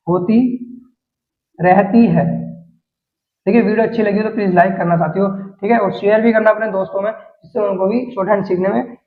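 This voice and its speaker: A man walks his viewers through shorthand strokes as he writes, saying each rule twice and keeping the tone casual. His voice sits high, and the sound is narrow and tinny, like a phone line. The room around him echoes. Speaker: shorthand teacher. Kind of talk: explaining steps while writing on a board.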